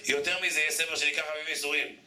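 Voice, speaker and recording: A man's voice: a little high, level tone, pushed and bright. A man preaching a sermon as a rabbi, firing repeated rhetorical questions at his congregation. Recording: echoey room, distant mic, background noise.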